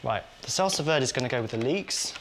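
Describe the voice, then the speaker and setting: A man's voice: mid-range voice, expressive, fast, noisy background. A man hosting a cooking show, chatting casually as he prepares food in his kitchen. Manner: chatty, talks while cooking and tasting. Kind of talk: cooking demonstration.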